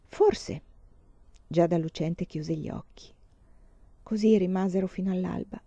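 A woman reading a novel aloud in a calm and measured way. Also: on the low side, creaky, no echo. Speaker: audiobook reader. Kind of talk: literary audiobook narration. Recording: dull lo-fi, dry.

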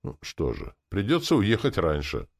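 Very deep, gravelly male voice, lively pitch, calm first-person audiobook narration. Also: moderate pace.

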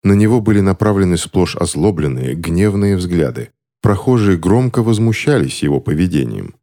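A man narrating a story in an expressive, scripted reading. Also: low-pitched, normal speed.

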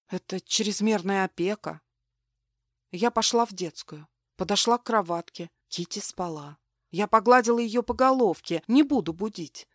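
A woman narrating a first-person audiobook in a hushed, tense way. Her voice sits at a middle pitch, and the read is close and dry, with no room echo.

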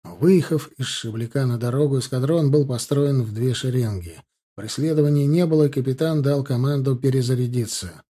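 Male audiobook narrator, mellow and husky, steady delivery. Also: medium pitch, moderate pace. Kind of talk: scripted narration.

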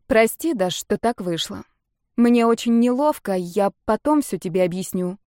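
A woman voicing a young woman in love, speaking softly and calmly, bold and teasing. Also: medium pitch, normal speed, no room sound, clean studio sound, lightly acted. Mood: apologetic.

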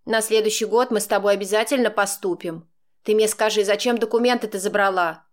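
A woman's voice: mid-range voice, moderate pace, lightly acted. A woman reads out a brash middle-aged aunt from an audiobook, blunt and crude-spoken. She scolds and mocks in an ordinary mid-range voice. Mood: soothing. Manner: scolding and mocking, then soothing.

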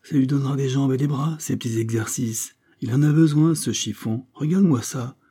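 A man's voice: medium pitch, brisk, mellow, slightly rough, voice pushed up, close to an everyday voice. A man voicing a brutal, bullying male fairground acrobat master who barks sneering orders. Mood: sneering, furious.

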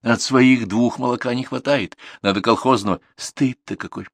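A man's voice: mid-range voice, normal speed, no echo, studio quality, voice pushed up, close to an everyday voice. A man voicing an earnest young woman who questions her family with pain in her voice. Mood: reproachful.

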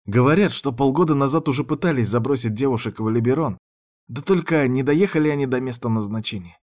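A man's voice: mid-range voice, quick pace, a little mellow, voice pushed up, lightly acted. A man voicing a young woman training as a spy, who speaks bluntly and in earnest. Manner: blunt, matter-of-fact.

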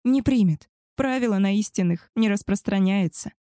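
A woman's voice: medium pitch, normal speed, mellow, no room sound, studio quality, natural voice. A woman voicing an arrogant, spoiled young she-wolf woman who talks down to others in a haughty, contemptuous way. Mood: petulant. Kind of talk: audiobook character voice.

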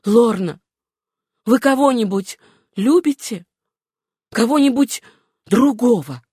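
A woman's voice: fairly high pitch, animated, slow pace, mellow, slightly rough, dry recording, clean studio sound, voice pushed up, heavily acted. A woman reading an audiobook voices an earnest, abashed young man in love, with a pleading manner.

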